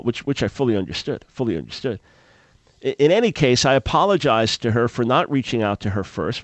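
Earnest animated male radio host. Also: mid-range voice, no room sound. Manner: earnest, animated, repeats words and restarts often. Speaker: radio talk show host.

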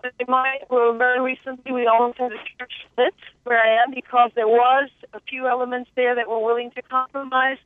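A woman's voice: a little high, little pitch movement, a little fast. A woman calling in from her car, talking earnestly and rambling with restarts over a clipped phone line that cuts in and out. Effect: clipped phone line cutting in and out. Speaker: caller. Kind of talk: call-in conversation. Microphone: mobile phone. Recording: tinny dry phone line.

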